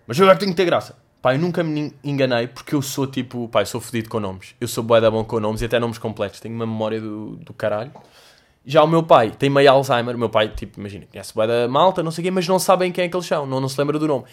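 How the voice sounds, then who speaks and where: The host, a young man from Portugal, talks fast in a medium-pitched voice with a European Portuguese accent. Answering questions from viewers, he spins funny, casual stories laced with profanity. Lively mock voices and sound effects punctuate his storytelling.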